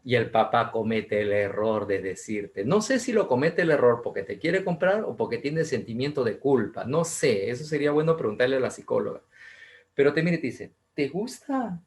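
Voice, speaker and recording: A man's voice: medium pitch, very animated, fairly quick, rough recording. A middle-aged man teaching an online class in a chatty, questioning way, often repeating his key points.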